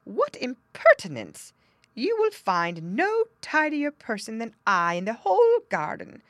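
A woman voicing a prim, indignant little male wren who sounds shrill and offended in a storybook reading. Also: huge pitch swings, measured pace, fairly bright tone, dry recording, highs cut off, heavily acted.

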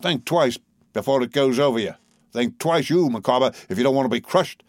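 A man plays a scheming, spiteful clerk for an audiobook, sneering and issuing threats with false familiarity. He speaks a little fast in a mid-range voice pitched above his natural one yet close to everyday speech, with a dry, clean studio sound.

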